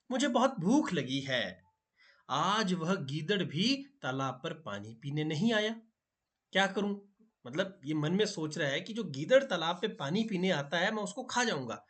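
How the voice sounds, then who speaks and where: A man's voice: high-pitched, a bit bright. A man teaching a primary-school textbook story, reading it aloud and explaining punctuation with homely asides.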